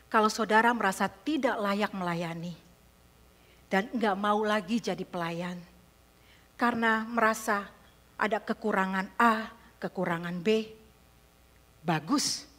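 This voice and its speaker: A woman evangelist preaching a sermon in a church, telling a story with dramatic shifts in loudness. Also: mid-range voice.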